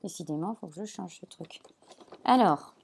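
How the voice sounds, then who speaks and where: A woman teacher explaining spelling sounds at a whiteboard, slow and patient, checking often that her pupils follow. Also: fairly low pitch, gravelly, a little mellow, breathy edge. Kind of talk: remote classroom lesson at a whiteboard.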